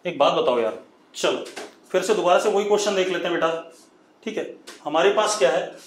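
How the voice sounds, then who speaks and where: A high-pitched man speaks a little fast, with some hiss or hum, while teaching physics live online from an echoey room. He mixes Hindi and English, uses "beta" for his students, dictates phrases word by word, and repeatedly makes sure they're following.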